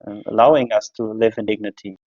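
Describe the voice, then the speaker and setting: A man's voice: on the low side, fairly even intonation, fast talker, a little mellow, no echo, dull audio. A man hosting a lecture discussion, asking questions in a conversational way with brief fillers. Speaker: lecturer and host.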